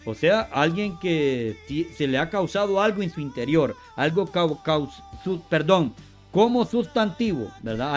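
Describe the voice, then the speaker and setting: A man teaching from scripture, going through word meanings in long lists, often repeating words and correcting himself. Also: a little high. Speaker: Bible teacher.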